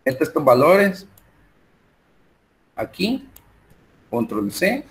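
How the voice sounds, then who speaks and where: A male teacher with a Salvadoran Spanish accent, speaking in a somewhat high voice at a slow, unhurried pace. He talks his students through numbers and a spreadsheet in an online lesson. He often pauses on fillers as he works. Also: big pitch swings, creaky, a little hiss or hum. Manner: talks slowly while working through numbers and software, with many fillers. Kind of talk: online math lecture.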